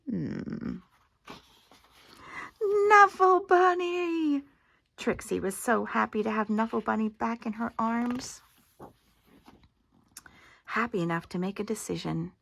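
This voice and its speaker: An older woman with a grandmotherly manner reads a children's picture book aloud, expressively and deliberately, with dramatic emphasis and hushed phrase endings. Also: medium pitch, vocal fry, breathy edge.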